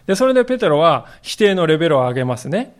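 A man's voice: a little high, very animated, fast. A male pastor giving a sermon in a conversational storytelling way, acting out the quoted lines.

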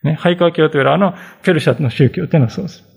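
A man's voice: fairly high pitch, very fast, gravelly, breathy edge. A male pastor giving a conversational sermon, reading scripture and explaining it with frequent fillers and asides.

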